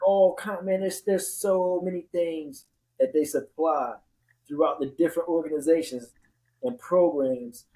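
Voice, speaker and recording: A man's voice: fairly high pitch, unhurried, dark tone, low-quality recording. A man telling his own story in casual conversation as a podcast host, repeating words for emphasis.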